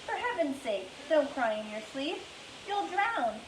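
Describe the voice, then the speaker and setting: A woman's voice: sits high, big pitch swings, measured pace, roomy sound, background noise, pitched above the performer's own voice. A woman voicing a stern, dry-witted father in a storybook reading. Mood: teasing. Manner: cold, dry.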